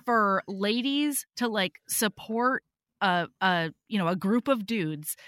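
On a dry, clean studio recording, a female podcast guest talks slowly at medium pitch. Her casual chat is lively and full of swearing as she recounts stories, performing the book characters.

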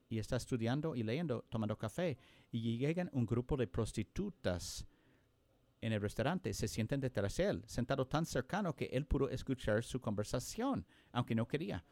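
A man telling a story during a sermon, earnest, with frequent pauses and restarts. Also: medium pitch, creaky, a little mellow, no echo. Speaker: preacher.

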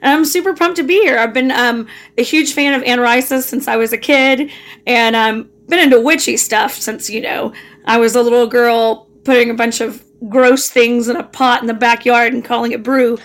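A woman's voice: a little high, fairly even intonation, normal speed. An enthusiastic, gushing woman chatting casually as co-host of a panel. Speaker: podcast co-host.

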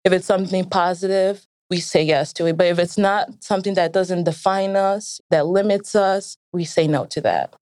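A woman's voice: lowish voice, moderate pace, few pauses, a little mellow, no echo. A young woman born in Nigeria, a university student, answering interview questions in an earnest, reflective way. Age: young adult. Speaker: student guest.

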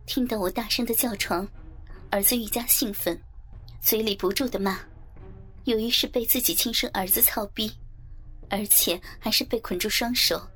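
Woman softly narrating an erotic audiobook. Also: fairly high pitch, husky.

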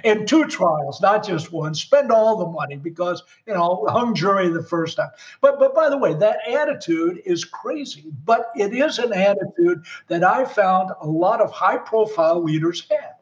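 A man's voice: high voice, moderate pace, few pauses, dull audio. A man guest telling a story in a casual conversation, acting out the voices of other people in it. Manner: animated, acts out quoted dialogue.

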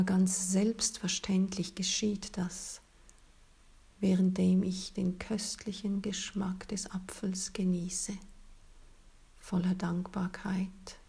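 Very breathy, whispery woman guiding relaxation slowly. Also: mid-range voice. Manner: soft, soothing, whispery spa-like delivery. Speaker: guided relaxation instructor. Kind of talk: guided meditation, slow scripted narration.

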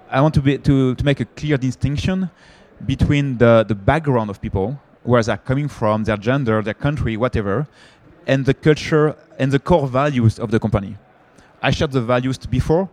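A company founder from France speaks on a conference panel with a French accent, his mid-range voice a little mellow. He sounds hesitant, with frequent fillers and restarts.

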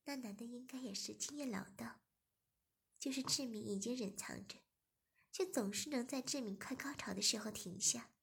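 Breathy woman narrating softly. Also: on the high side, moderate pace. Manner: soft, half-whispered narration. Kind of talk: erotic audio story reading.

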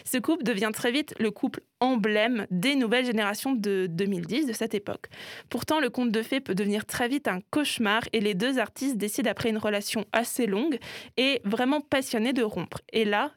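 A woman hosts a music segment, talking in a chatty, explaining tone with quick asides. Her voice sits a little high. The recording is close and dry, with no room sound. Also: no echo. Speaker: show host. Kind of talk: presenting a themed music segment.

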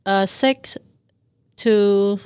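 A woman from Thailand who runs a restaurant, answering interview questions politely in halting, simple English. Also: mid-range voice, fairly even intonation, darkish tone, smooth, no room sound. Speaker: food court restaurant owner. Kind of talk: interview guest.

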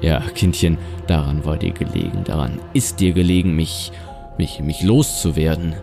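A man's voice: extremely low pitch, normal speed, vocal fry. A man voicing a frail, paranoid old grandfather in a nursing home, stammering and repeating his words, over music. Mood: bitter.

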